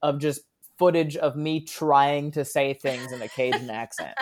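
Here the comedian's voice is medium in pitch and unhurried. Laughing frequently, he spins stories in a relaxed, filler-heavy way while chatting informally as an interview guest.

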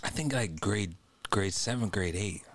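A man's voice: fairly low pitch, expressive, a little slow, vocal fry, dry recording. A man co-hosting a podcast in casual, slangy group chat. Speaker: podcast co-host.

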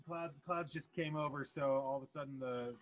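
A man co-hosting a podcast on a webcam by his windows, easygoing and halting. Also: medium pitch, fairly even intonation, muffled recording, slight background noise. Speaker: podcast co-host. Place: room with big bay windows.

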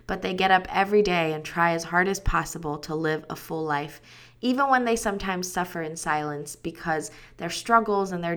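Bright, upbeat woman hosting a podcast. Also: lowish voice. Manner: upbeat, enthusiastic delivery. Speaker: podcast host. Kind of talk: scripted podcast intro.

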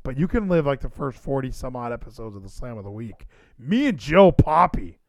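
Casual wrestling talk fills this podcast livestream, where the male host goes on tangents and emphatically repeats phrases for effect. His medium-pitched voice is sing-song and fairly quick, with no room sound.

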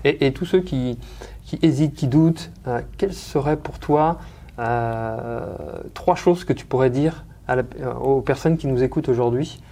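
A podcast interviewer asking questions, hesitant and pausing on fillers. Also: medium pitch, dark tone.

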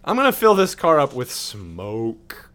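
A man co-hosting a podcast, talking casually with lots of swearing and excitable outbursts. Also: medium pitch, a little slow. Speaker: podcast co-host.

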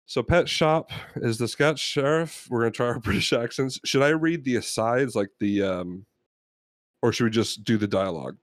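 An American man hosting a podcast over voice chat, chatting casually with plenty of ums and uhs. His voice sits at an ordinary pitch, and the recording is dry and close. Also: normal speed, dry recording. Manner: rambling, with frequent fillers. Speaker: podcast host. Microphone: home mic on voice chat.

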